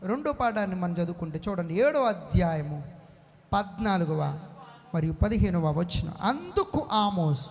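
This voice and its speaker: High-voiced preacher in an echoey hall. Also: male voice, sing-song, normal speed. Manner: questions the congregation and calls for responses; storytelling with jokes, rising to emphatic shouts. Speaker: pastor. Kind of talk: sermon. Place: prayer hall before a congregation. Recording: echoey prayer hall with long reverb.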